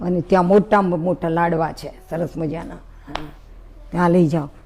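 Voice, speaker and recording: A woman's voice: fairly low pitch, fairly even intonation, normal speed, darkish tone, a little hiss or hum, voice pushed down, close to an everyday voice. A woman voicing a boastful magic elephant who coaxes a farmer with promises of sweets. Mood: coaxing.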